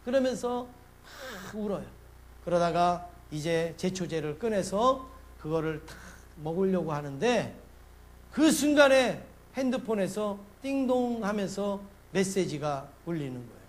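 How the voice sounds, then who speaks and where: A male pastor preaching a sermon, questioning the congregation and acting out a story with sudden swings between quiet and loud. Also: sits high, expressive, unhurried. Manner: asks the congregation questions and acts out a story with big swings in loudness.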